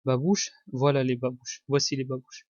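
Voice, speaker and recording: A man with a Moroccan accent, a primary school teacher giving a child a one-on-one reading test, coaxing patiently, repeating words slowly and mixing French with Arabic. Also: mid-range voice, flat delivery, a little mellow, no echo. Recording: dull dry lo-fi recording.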